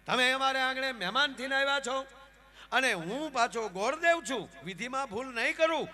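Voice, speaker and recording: A Gujarati-accented man performing folk comedy on a live stage, with a very high, bright voice. He tells stories and jumps into character voices, speaking into a stage microphone. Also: moderate pace. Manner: animated, acts out characters in raised voices. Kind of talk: live stage storytelling with jokes. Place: live outdoor folk program.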